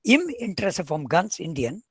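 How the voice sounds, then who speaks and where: At normal speed and very animated, a South Indian professor lectures at a webinar in an Indian accent, his native language being Tamil. He switches between English and German and adds dry, wry asides. His high voice is fairly bright and slightly rough, with no room sound.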